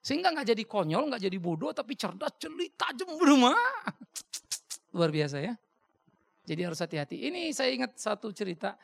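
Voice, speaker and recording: A middle-aged male pastor speaks quickly in a high, gravelly voice. He is blunt and animated, acting out the people in his stories. He answers questions from the congregation in a church hall. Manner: blunt, animated storytelling with mimicked dialogue. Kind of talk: sermon Q&A, anecdotal.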